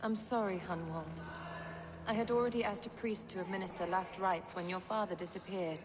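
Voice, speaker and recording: A woman's voice: mid-range voice, fairly even intonation, brisk, big-room sound, noisy background, lightly acted. Actress playing a stern noble mother. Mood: sorrowful. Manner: sorrowful, then sharp and scornful. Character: noble mother, scolding and pitying. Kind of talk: video game dialogue.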